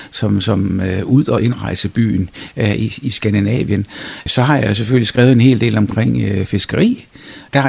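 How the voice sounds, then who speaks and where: A man's voice: lowish voice, vocal fry, a little mellow, slightly rough, no room sound. A male historian, answering interview questions hesitantly, with many fillers and restarts. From Denmark. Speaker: historian guest.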